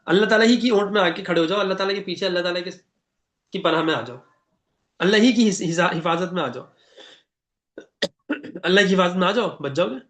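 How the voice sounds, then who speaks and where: High, bright-voiced Pakistani religious teacher. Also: male voice. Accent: Pakistani Urdu. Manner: conversational, asks the class questions; recites Arabic prayers slowly. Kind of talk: online Quran class lecture.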